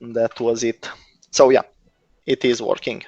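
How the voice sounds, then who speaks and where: A man's voice: medium pitch, little pitch movement, a little slow, a little mellow, dry recording. A man giving casual, hesitant technical explanations as a guest developer. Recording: dull lo-fi close dry audio.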